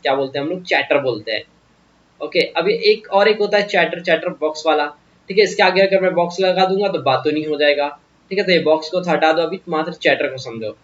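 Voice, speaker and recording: A man with a fairly high voice talks a little fast, and the recording has its highs cut off. He teaches English vocabulary in a relaxed, joking manner, frequently putting questions to the viewer, in what is a casual Hindi vocabulary lesson.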